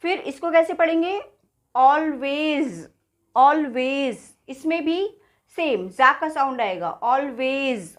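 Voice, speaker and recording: A woman teaching spoken English with an Indian accent, repeating each word slowly and checking in with her students. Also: high voice.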